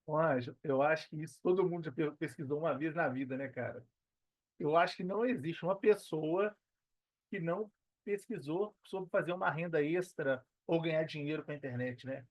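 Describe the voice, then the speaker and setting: Here a personal trainer and affiliate marketer in his thirties appears as a casual podcast guest, his voice on the high side and his pace normal. His accent is Brazilian Portuguese, specifically Minas Gerais. The lo-fi recording sounds dull and completely dry.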